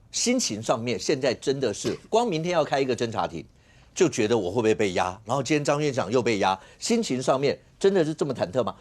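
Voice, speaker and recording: A man hosting a TV political talk show, asking long, winding questions full of fillers. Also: mid-range voice. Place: TV studio.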